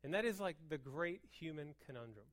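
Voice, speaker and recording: An American woman preaching an informal sermon, talking fast in an emphatic, conversational way with repeated words and rhetorical questions. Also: sits low, animated.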